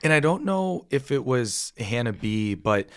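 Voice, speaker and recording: A man's voice: medium pitch, sing-song, unhurried, a bit bright, clear, resonant tone, dry recording, clean studio sound. A young man hosting a podcast, telling rambling stories in casual chat. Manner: rambling storyteller with many fillers and restarts. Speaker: podcast host.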